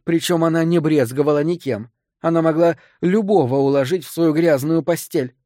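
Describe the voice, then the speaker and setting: A man reading an audiobook, voicing a deranged grieving woman who confesses to a killing, hoarse with rage and near sobbing. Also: normal speed, dark tone, dry recording, clean studio sound, natural voice. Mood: spiteful. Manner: shrill, vengeful outbursts.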